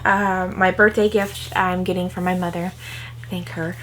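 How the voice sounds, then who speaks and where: A woman's voice: lowish voice, little pitch movement, measured pace, a bit bright. Chatty woman vlogging. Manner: chatty, rambling, with fillers and self-corrections. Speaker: craft vlogger. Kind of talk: casual chat to camera. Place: bedroom set up for filming.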